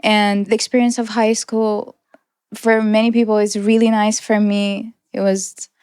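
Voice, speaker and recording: This guest, a woman in her twenties who grew up in Iran and speaks Persian as her first language, recounts her personal testimony with earnest reflection, slight restarts, and soft laughter. She talks at a measured pace in a clear, resonant, darkish voice of medium pitch with little pitch movement, recorded at studio quality with no echo.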